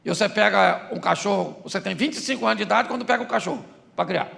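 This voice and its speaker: A man's voice: high voice, quick pace, creaky, a bit bright. A man preaching a humorous sermon as a pastor, in Brazilian Portuguese, joking and asking the crowd questions.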